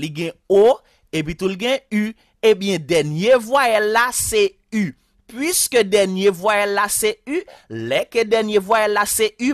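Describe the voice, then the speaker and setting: A man with a Haitian accent teaching a language lesson online. He explains each rule slowly and repeats it step by step. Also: sits high, fairly bright tone, no room sound, clean studio sound. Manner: slow, repetitive, spells out each rule.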